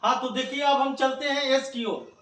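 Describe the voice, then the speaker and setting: A man's voice: extremely high pitch, normal speed, fairly bright tone. A man teaching English pronunciation at a board, drilling with repeated questions and coaxing the viewer. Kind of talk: classroom lesson at a board. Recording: echoey room, mic at a distance.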